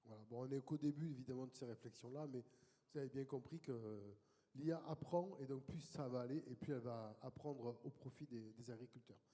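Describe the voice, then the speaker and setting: A man moderating a conference session, introducing speakers in a lively, welcoming way. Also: mid-range voice, a little fast. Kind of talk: event moderation. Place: conference hall. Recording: conference hall reverb.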